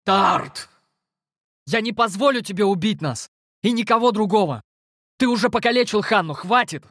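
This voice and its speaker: A man voicing a desperate young man who shouts and pleads, strained and pitched up. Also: animated, normal speed, no room sound, studio quality, exaggerated voice. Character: desperate young man fighting a being in his mind.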